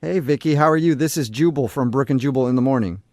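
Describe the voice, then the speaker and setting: A man's voice: mid-range voice, quick pace, a little mellow, dry recording, clean studio sound. A male morning radio host, playful and teasing, interviewing callers.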